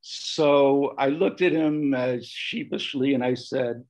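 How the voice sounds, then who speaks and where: A man's voice: mid-range voice, fairly even intonation, slow, a little mellow. A man on a discussion panel telling a personal story in a reflective way, shifting his voice when he quotes other people. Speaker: panel guest sharing memories. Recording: muffled lo-fi audio.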